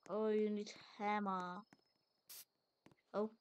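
A woman's voice: mid-range voice, little pitch movement, slow pace, clear, resonant tone, dull audio. A woman giving casual commentary while she plays a game. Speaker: gamer recording gameplay commentary.

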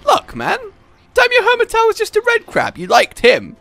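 An excitable man teasing his way through casual gameplay banter. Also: very high voice, moderate pace, vocal fry. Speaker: gaming video host. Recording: music behind the voice. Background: game music.

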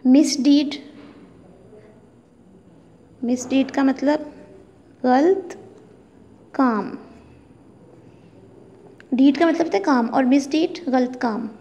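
Slow, high-voiced woman teaching vocabulary. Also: warm tone, long reverb tail, dull audio. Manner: slow, deliberate word-by-word explanation. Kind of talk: vocabulary lesson.

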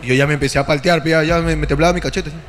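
A man with a Peruvian accent, hosting a comedy podcast, telling a crude story in an animated way, dropping tag questions all the time. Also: fairly high pitch, very fast, in a large hall, background noise. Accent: Peruvian Spanish.

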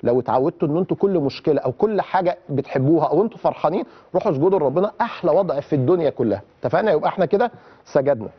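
A man's voice: on the high side, expressive, racing, slightly rough, highs cut off. A man with an Egyptian accent teaching children how to pray, quizzing and coaxing them with questions as he explains.

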